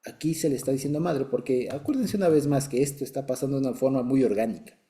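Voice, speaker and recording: This Bible study teacher keeps a quick pace while patiently walking listeners through the lesson in a conversational way. His voice is very deep, warm, and mellow, and he chuckles lightly between frequent brief check-ins.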